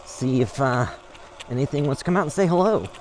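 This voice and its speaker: A man's voice: medium pitch, expressive, a little fast, natural voice. A man acting as a casual, skeptical amateur creature hunter in a found-footage horror film, muttering hesitantly to his camera. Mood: musing, wary. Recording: noisy location sound.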